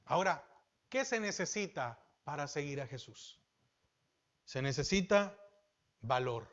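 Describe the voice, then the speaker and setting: A Salvadoran man preaches with a high voice, firing questions at the congregation. He swings from emphatic, rising lines to quiet, low asides. The recording sounds dull and lo-fi. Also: animated, measured pace. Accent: Salvadoran Spanish. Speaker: pastor. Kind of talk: sermon.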